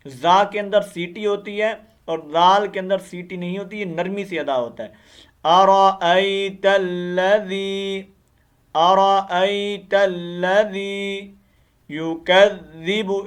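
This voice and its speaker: Smooth high-voiced man teaching recitation. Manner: slow drawn-out recitation switching to quick explaining. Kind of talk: tajweed lesson, spelling and reciting word by word.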